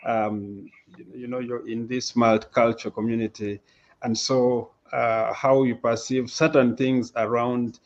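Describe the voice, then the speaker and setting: Panel guest, male, halting and reflective, dull call audio. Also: mid-range voice, flat delivery. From Uganda. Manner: hesitant, thoughtful, many fillers. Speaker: panel guest, mental health advocate. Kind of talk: online panel discussion. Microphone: video call. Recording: dull video-call audio, faint noise.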